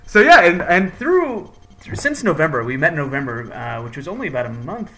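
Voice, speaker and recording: A man's voice: on the high side, sing-song, a little fast, sharp tone, slight background noise, low-quality recording. A man hosting a podcast in a casual, jokey, hyped-up chatting style. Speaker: podcast host. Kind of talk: casual chat.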